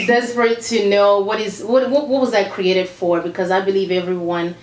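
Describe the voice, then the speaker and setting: A woman's voice: mid-range voice, moderate pace. A woman who was born in Congo DR and grew up in Zambia, a gospel singer giving a casual interview, earnest, repeating herself and laughing often. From Congo DR, raised in Zambia. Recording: echoey room with faint noise.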